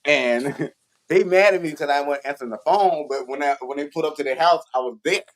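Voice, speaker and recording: A man's voice: a little high, a little fast. A man telling rambling, profane stories in casual chat, acting out both sides of old arguments and often saying "you know what I'm saying". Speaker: podcast co-host. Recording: noisy recording with clicks.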